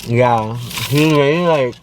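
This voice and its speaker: A woman's voice: rumbling low, takes it slowly, background noise. A young woman vlogging casually while eating, playful and teasing. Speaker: mukbang vlogger. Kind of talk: casual chat. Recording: music and chatter behind.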